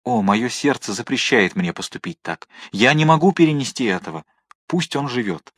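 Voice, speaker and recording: A man reading aloud and voicing a noble, gentle older count who speaks softly and with dignity. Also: mid-range voice, animated, moderate pace, breathy edge, dry recording, studio quality. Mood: imploring. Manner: soft, imploring, dignified.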